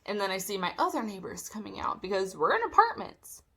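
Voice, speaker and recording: Bright-voiced woman telling a heated story. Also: medium pitch, fairly quick, breathy edge. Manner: animated, swearing, acts out quotes. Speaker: vlogger. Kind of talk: storytime vlog.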